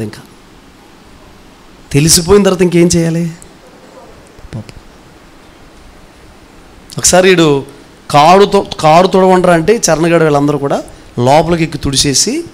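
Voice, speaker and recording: High-voiced man preaching a sermon. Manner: earnest, asks the congregation rhetorical questions; swings between forceful and hushed delivery. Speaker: pastor.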